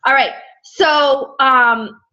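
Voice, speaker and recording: Chatty higher-voiced woman hosting. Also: fairly even intonation, drawn-out words, pushed and bright. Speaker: host of an online group training call. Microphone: online group call. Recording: muffled lo-fi online call audio.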